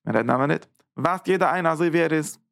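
A man teaching a religious class in a lively way, repeating phrases, asking rhetorical questions and jumping up in pitch to stress points. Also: rapid-fire, vocal fry, no echo, clean studio sound. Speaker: Torah teacher giving a class.

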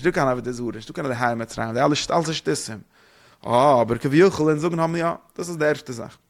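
A man giving a spoken religious lesson, rambling quickly and posing rhetorical questions to his listeners. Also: mid-range voice, creaky. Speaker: religious teacher.

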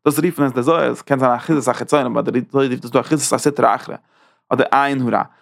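A man teaching a Torah class in a lively lecture style, talking with sudden leaps in pitch. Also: rapid-fire, vocal fry.

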